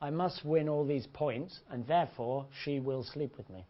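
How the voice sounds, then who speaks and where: A man gives a blunt, joking seminar talk as a dating coach. His voice sits a bit high for a man. The recording is dull and lo-fi. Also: normal speed. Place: seminar room. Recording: dull lo-fi audio.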